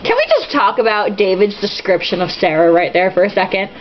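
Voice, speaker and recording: A woman reads a novel aloud like a tipsy drinking-game host, casual and comic, tossing in sarcastic, foul-mouthed jabs. Her mid-range voice swings widely in pitch at a brisk pace. The recording is dull lo-fi with faint hiss.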